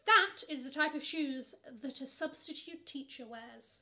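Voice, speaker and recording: Seated before her camera in a bedroom stacked with shoes, a young English fashion vlogger gushes with sass over luxury online shopping, calling bags "she." She speaks a little slowly, in a high voice with a sharp tone.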